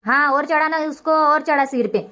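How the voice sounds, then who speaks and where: A scolding, high-voiced cartoon mother-in-law who complains without pause, as a woman voices her. She is a middle-aged village matriarch, bossy and aggrieved. The tone stays sharp with nagging. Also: fairly even intonation.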